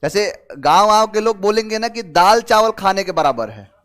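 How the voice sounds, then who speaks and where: A young man teaching English idioms in a casual classroom style, reading out answer choices slowly and mixing in anecdotes. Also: high voice, expressive, fairly bright tone. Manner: explains slowly, reads options aloud, tells anecdotes.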